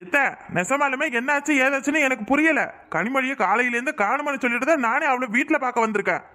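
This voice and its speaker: A man's voice: extremely high pitch, lively intonation, quick pace, pushed and bright, exaggerated voice. A man voicing a brash young village man in a cartoon, a mocking and swaggering suitor, in a southern Tamil Nadu dialect. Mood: puzzled. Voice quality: taunting, swaggering. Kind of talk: cartoon voice acting.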